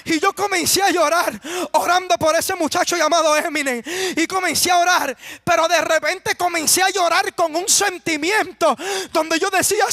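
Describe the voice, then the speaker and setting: A man's voice: extremely high pitch, bright, forceful tone, no room sound. A young man preaching an impassioned testimony sermon, fervently calling out to the young people listening. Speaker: preacher giving a testimony to youth.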